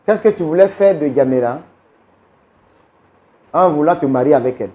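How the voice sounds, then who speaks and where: A man speaking as a pastor on a talk show, asking a guest questions in a halting way with many fillers. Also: fairly high pitch, expressive, warm tone, muffled recording.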